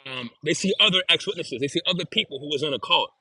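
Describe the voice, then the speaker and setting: A man's voice: fairly high pitch, quick pace, bright, forceful tone, slightly rough, no room sound. A man talking as an interview guest in casual chat, earnest and given to repeating and restarting his phrases. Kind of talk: casual video-call chat.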